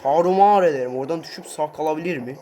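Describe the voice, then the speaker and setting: A man giving casual, excitable gameplay commentary, swearing often and talking straight to his viewers. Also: on the high side, racing, a little hiss or hum.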